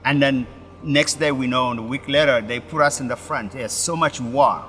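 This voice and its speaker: A middle-aged man from Ethiopia, a pastor, telling his life story in halting, broken with many restarts. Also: medium pitch, a bit bright, long reverb tail, soft background music. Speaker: pastor, interview guest. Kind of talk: personal story in an interview.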